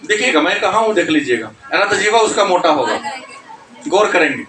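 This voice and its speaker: A male teacher giving an animated classroom lecture, scolding students and laughing between points. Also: high-pitched, a little fast, roomy sound, recorded from a distance, a little hiss or hum, rough recording. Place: coaching classroom.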